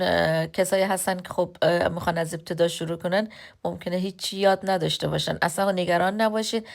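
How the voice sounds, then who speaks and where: A woman giving a beginner English lesson. She speaks patiently, pauses often with fillers and sounds words out one letter at a time. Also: on the low side, creaky. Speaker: English teacher.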